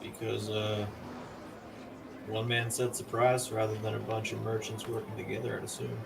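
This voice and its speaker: Male game player, low-key gravelly chat, little pitch movement. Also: monotone, moderate pace, background noise. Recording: distant mic with music behind.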